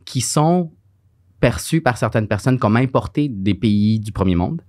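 A man's voice: mid-range voice, animated, normal speed, a little mellow, no echo, studio quality. A man with a Quebec French accent, co-hosting a podcast and telling stories in a rambling, casual way with many fillers. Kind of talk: casual conversation.

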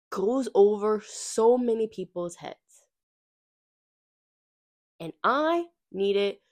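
A woman hosting a podcast in casual, blunt, emphatic and slangy talk, her voice nasal and congested from being sick. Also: medium pitch. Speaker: podcast host.

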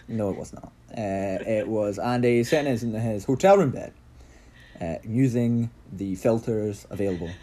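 A man with a Scottish accent chatting casually as a sports podcast host, excitable and rambling, often repeating and restarting his phrases. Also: fairly low pitch, moderate pace.

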